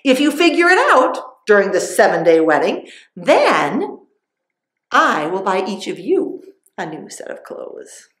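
A woman's voice: medium pitch, sing-song, unhurried, fairly bright tone. A woman voicing Samson, a strong young man who teases wedding guests with a riddle. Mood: teasing. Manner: teasing, riddling. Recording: roomy echo.

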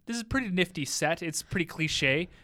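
A man's voice: on the high side, expressive, fairly quick, sharp tone, dry recording. A man hosting a podcast, recapping an episode in a rambling, playful way and acting out lines of dialogue. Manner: rambling, playful, acts out quotes. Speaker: podcast host. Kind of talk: casual chat recapping an episode.

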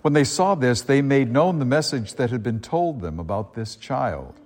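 A man's voice: medium pitch, lively intonation, normal speed, a little mellow. A priest reading the gospel and giving a chatty Christmas homily, often repeating and restarting his phrases, his voice ringing in long church reverb. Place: large church.

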